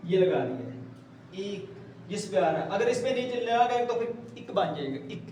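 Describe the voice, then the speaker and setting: A man teaching a shorthand lesson, patiently explaining step by step and slowly repeating words as he writes them out. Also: high voice, big pitch swings, a little mellow. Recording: roomy echo, distant mic, faint hiss.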